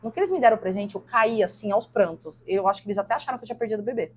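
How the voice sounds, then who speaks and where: A woman's voice: mid-range voice, racing, slight background noise. A woman in her thirties with a Brazilian Portuguese accent, a podcast guest and gym coach telling a personal story in an earnest, emotional way, repeating words for emphasis.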